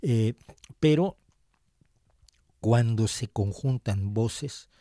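A man's voice: mid-range voice, extremely slow, dark tone, no echo, clean studio sound. A man hosting a radio music show, explaining with chatty enthusiasm.

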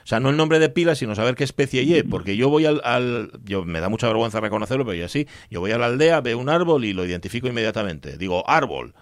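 A man's voice: medium pitch, expressive, fast, few pauses, no room sound, studio quality. A man hosting a radio show, chatting playfully and joking with his guests. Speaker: radio host. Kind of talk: casual radio chat.

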